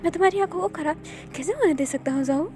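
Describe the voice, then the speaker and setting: A woman putting on a shrill, unhinged male doctor. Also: music in the background. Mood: shrill frantic. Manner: shrill, rapid, sing-song pleading insistence. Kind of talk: Hindi fan-fiction story voicing.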